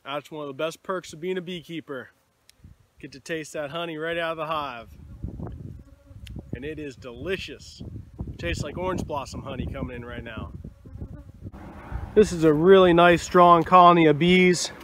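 A beekeeper in his thirties talks casually into a phone held at arm's length out in his bee yard, explaining things in a relaxed way with plenty of fillers. His voice is fairly high and his pace moderate, with frequent pauses. It's a casual instructional vlog, the audio is poor, and faint outdoor noise comes through.

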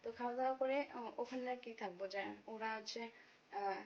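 A young woman from West Bengal, India, vlogs from her village home, both indoors and out, talking casually to her viewers in a soft, hushed voice. Her pitch sits on the high side and she speaks quickly, filling her chat with fillers and calling everyone "guys." The phone audio is dull and lo-fi, with faint noise.

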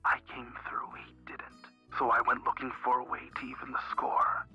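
Gravelly, overacted anime-dub thug. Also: male voice, medium pitch, level tone, normal speed, no room sound. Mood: surly, menacing. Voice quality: husky, gravelly. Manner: overacted anime-dub villain delivery, gruff hushed menace. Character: surly, menacing male thief on a phone. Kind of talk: video game voice acting. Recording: dull, muffled phone sound with music.

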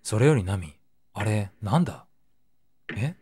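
A man's voice: on the low side, expressive, measured pace, dark tone, slightly rough, dry recording. A man streaming, narrating a horror game dramatically and breaking off for joking asides.

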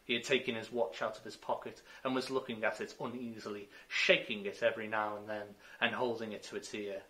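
A man narrating a children's storybook chapter, measured and expressive. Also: on the low side.

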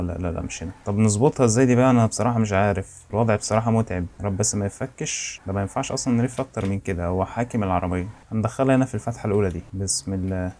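An Egyptian man talking very fast over his role-play gameplay. His voice is dark and mellow, and he chats along while he plays. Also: on the low side. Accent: Egyptian Arabic. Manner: rapid, chatty, thinking aloud. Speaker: gaming channel host.

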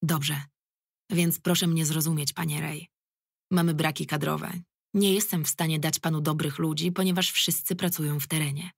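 A woman voicing a weary middle-aged male police commander, gruff but fatherly, who speaks firmly and plainly. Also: low-pitched, steady tone, moderate pace, no echo, clean studio sound, exaggerated voice. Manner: firm, tired and plain-spoken.

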